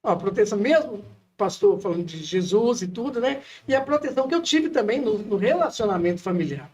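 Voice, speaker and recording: A man's voice: sits high, animated, a little fast, a little mellow, recorded from a distance, highs cut off. A man with a Brazilian Portuguese accent chatting and reminiscing in a conversational way. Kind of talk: casual chat.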